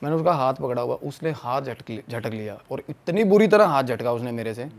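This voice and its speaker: A man from Punjab, a podcast guest telling a story in an animated way, slipping in English phrases and acting out quotes. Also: mid-range voice, brisk.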